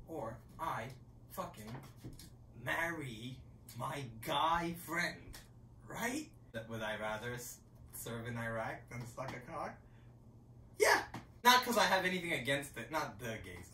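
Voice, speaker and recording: Young male stand-up, bright and sharp, loud and profane, heard from across an echoey bedroom. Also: medium pitch. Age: young adult. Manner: loud, swearing, swings from mutters to shouts. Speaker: stand-up comedian. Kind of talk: stand-up set for friends. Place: bedroom with a few friends. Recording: echoey bedroom, mic at a distance, faint background noise.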